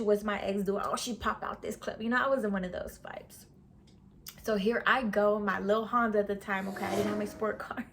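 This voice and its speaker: Here a beauty vlogger in her 20s chats through a casual storytime with sassy slang, leaning on "sis" and "okay" again and again. The woman's medium-pitched voice carries a little hiss or hum.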